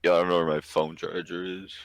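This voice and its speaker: A man's voice: sits low, flat delivery, fast, background noise. A young man in his late teens co-hosting a podcast, laid-back and sarcastic, laughing easily. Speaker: podcast co-host. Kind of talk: casual chat.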